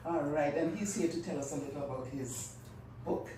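A woman's voice: sits low, a little fast, a crowd in the background. An older woman with a Caribbean accent, chatty and given to repeating phrases, hosting a casual radio interview. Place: radio studio. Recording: echoey, distant mic, clear background noise.

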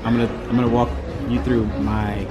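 American man vlogging amid loud shopping mall bustle. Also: medium pitch, little pitch movement, fairly quick. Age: young adult. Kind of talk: casual vlog chat while shopping in a mall. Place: busy indoor shopping mall and clothing stores. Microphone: handheld camera, near and at a short distance. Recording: loud mall crowd and music behind. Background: music and shopping mall crowd bustle.

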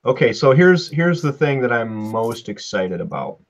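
A man hosting a casual chat about cars, talking in an easygoing, halting way. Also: mid-range voice, very animated, muffled recording. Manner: easygoing, halting, many fillers. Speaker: host.

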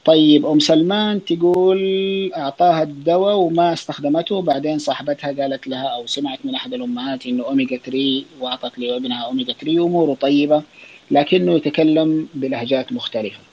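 A child psychiatrist with a Saudi Arabic accent answers listener questions quickly in a casual spoken Q&A on an online audio space, explaining loosely with lots of fillers and restarts. His voice sits a little high for a man, with fairly even intonation. The sound is dull and lo-fi, like a streamed audio room, with slight background noise.

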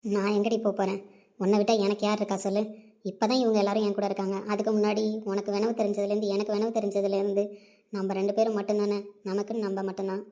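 A woman's voice: medium pitch, flat delivery, quick pace, dark tone, lightly acted. A woman voicing a caring young woman reassuring her best friend, in a read-aloud audio story. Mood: tender. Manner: tender, reassuring.

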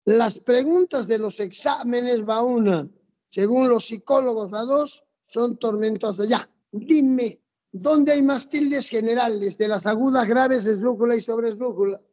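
A classroom teacher with a warm, mellow tone who talks at a slow, deliberate pace. The teacher lays out each rule in order and keeps asking the students for answers. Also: medium pitch. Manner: methodical, drills rules step by step and quizzes students. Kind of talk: classroom lesson.

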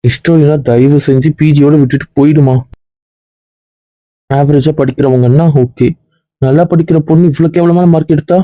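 A man's voice: fairly high pitch, steady tone, moderate pace, long pauses, warm tone, no room sound, dull audio, natural voice. A man playing a stern male college dean who lectures and reproaches a student, in a web series drama. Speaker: actor.

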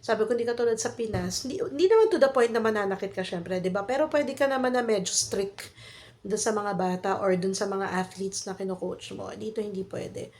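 Talking fairly quickly in a medium, darkish voice, a Filipina vlogger in her thirties shares a casual story despite a cold and cough. Her Taglish is chatty, with a Filipino accent and plenty of fillers and tag questions.

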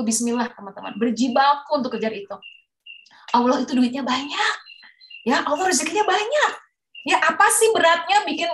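A woman in her thirties speaks in a high, bright register, telling her listeners about her own goals in a chatty, animated way. She gives a motivational webinar talk over a video call from home.

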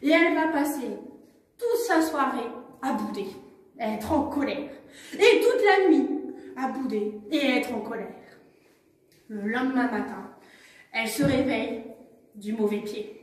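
A woman storyteller telling a children's story with animated exclamations. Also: sits high, unhurried, long pauses. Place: museum. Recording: echoey room from far off.

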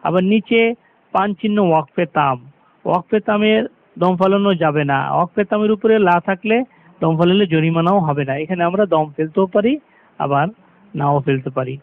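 A high-pitched man teaches Quran recitation, explaining each sound in turn and then chanting the verse slowly and drawn out. The recording is thin and tinny, like it is coming through a phone line. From Bangladesh. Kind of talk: step-by-step recitation lesson.

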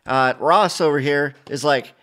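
A middle-aged man hosting a casual flight simulator video, talking over a screen share in a relaxed, rambling way full of fillers and restarts. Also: a little high, measured pace. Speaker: flight sim channel host. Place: home studio, indoors.

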